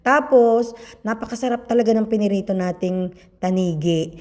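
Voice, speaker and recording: A middle-aged Filipino woman, a little hoarse from a cold, chatting and gossiping to viewers while eating on her food vlog. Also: medium pitch, normal speed, mellow, big-room sound. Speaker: food vlogger. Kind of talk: casual eating vlog chat.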